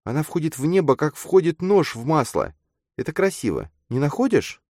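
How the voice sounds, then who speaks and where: Guy doing a high-voiced restless young woman, urgent, voice jumps all over. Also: very animated, normal speed, darkish tone, dry recording, studio quality. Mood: earnest.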